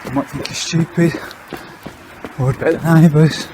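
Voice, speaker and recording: A man's voice: a little high, steady tone, noisy background. Breathless man in his fifties. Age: 50s. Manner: chatty and frank, with breathy pauses between phrases. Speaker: vlogger. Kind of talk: casual talk to camera while running. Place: outdoors on a foggy housing estate in the early morning.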